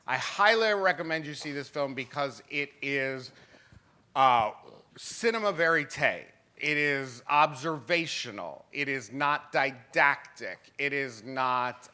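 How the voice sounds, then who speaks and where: A man in his fifties, a film distributor speaking on a festival panel, animated, laughing often and restarting sentences. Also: medium pitch, slow. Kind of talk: panel discussion. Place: festival symposium panel stage.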